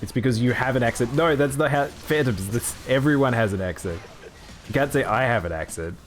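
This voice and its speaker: A man's voice: mid-range voice, fairly quick, soft background music. A man with a mild Australian accent, chatting casually while streaming a game. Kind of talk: casual gaming chat.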